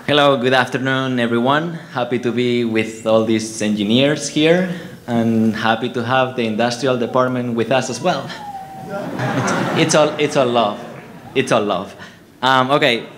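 A man addresses a hall of graduates and families at an induction ceremony. He opens with light jokes before moving into an earnest, read-out history. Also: medium pitch. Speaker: engineering professor. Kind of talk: ceremony speech.

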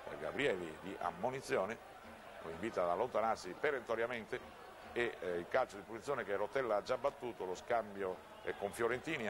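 Male football commentator, fairly low pitch, running match description, clearly noisy outdoor stadium broadcast. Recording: noisy old TV broadcast audio. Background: outdoor stadium ambience.

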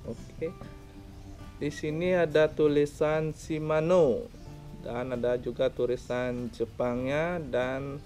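A man's voice: mid-range voice, fairly even intonation, slow, darkish tone, faint music behind. A young man giving a casual review of a fishing rod outdoors, explaining and pointing out its details. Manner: plain explaining, counts and points things out. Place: outdoors by a roadside with plants.

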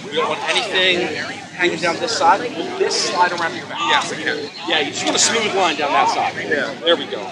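A man's voice: a little high, a little fast. A middle-aged man instructing hands-on in short, encouraging phrases, outdoors in a field some way from the camera. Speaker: whip-cracking instructor. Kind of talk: hands-on coaching. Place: open grassy field at a fair. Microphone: camera several metres away. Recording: loud outdoor fair noise and crowd.

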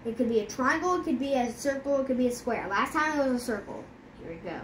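Woman vlogger, high voice, jittery and excitable, hushed asides, faint room ambience. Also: quick pace, slight background noise. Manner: excitable, nervous, often dropping to a hushed voice. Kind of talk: casual vlog chat to camera.

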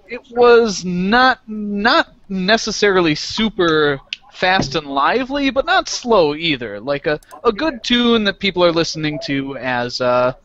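A man running a tabletop game as game master, talking in a relaxed way with many fillers. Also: fairly high pitch. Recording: lo-fi muffled recording.

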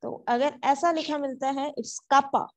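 Woman teacher, high voice, unhurried online class lecture. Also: fairly even intonation, darkish tone. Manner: slow, explanatory, mixing Hindi and English. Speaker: maths teacher.

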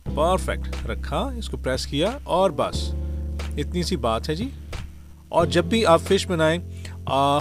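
A man, a chef hosting his own cooking show, talks viewers through a recipe step by step in a friendly voice-over. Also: a little high. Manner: friendly, step-by-step, keeps saying "perfect". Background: guitar music.

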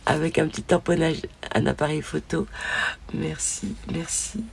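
A woman vlogger opening crafted mail, gushing over each piece and often dropping to a soft whisper. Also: deep voice, normal speed, creaky, a little hiss or hum. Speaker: scrapbooking vlogger. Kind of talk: casual mail-opening vlog.

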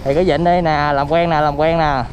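A man's voice: fairly high pitch, level tone, normal speed. A young man with a Southern Vietnamese accent cheering and joking as he films himself riding outdoors for his vlog. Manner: playful, cheering, laughs often. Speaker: vlogger. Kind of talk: excited casual vlog commentary. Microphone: handheld phone camera. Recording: noisy outdoor phone recording.

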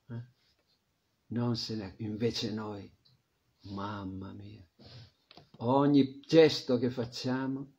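A man teaching a devotional scripture class, reflective, often trailing off into a soft murmur. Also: medium pitch. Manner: reflective, drops to a soft murmur at phrase ends. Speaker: spiritual teacher. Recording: dull lo-fi recording.

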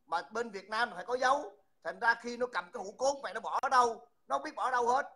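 A man's voice: very high voice, fast talker, pushed and bright. A man, hosting a livestream and mockingly insulting someone over and over. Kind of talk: heated livestream taunting.

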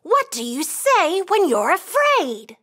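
A cheerful puppet girl, voiced by a woman, speaks in a slow, drawn-out, sing-song voice. Her voice sits very high and swoops up and down wildly. She talks slowly, as if leading little children along. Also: very animated, bright, forceful tone, exaggerated voice.

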